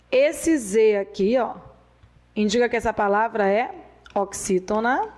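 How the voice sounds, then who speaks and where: A woman teaching a grammar lesson, repeating rules slowly and drilling them aloud. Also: on the high side, a little mellow. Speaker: Portuguese teacher.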